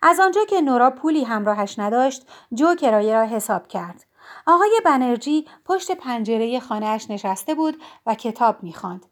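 A woman reading a novel aloud in calm, scripted narration. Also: on the high side. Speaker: audiobook narrator.

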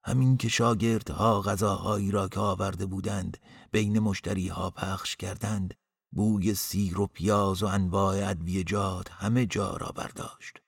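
A man narrating a first-person story in a calm, measured storytelling voice as an audiobook narrator. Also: deep voice, gravelly, husky, no room sound, clean studio sound.

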